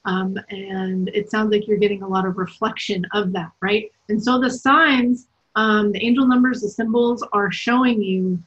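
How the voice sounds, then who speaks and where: A woman's voice: medium pitch, steady tone, moderate pace, a bit bright, dull audio. A woman hosting a live spiritual Q&A reading over a video call. She talks casually and giggles easily, checking in with "right?" and "okay?" all the time. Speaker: spiritual reader and host.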